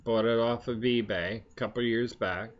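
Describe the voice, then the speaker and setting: An older man chatting casually in a rambling, halting way, talking around the pipe he is puffing on. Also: medium pitch, fairly even intonation. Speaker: vlogger. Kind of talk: casual chat to camera. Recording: dull, lo-fi sound.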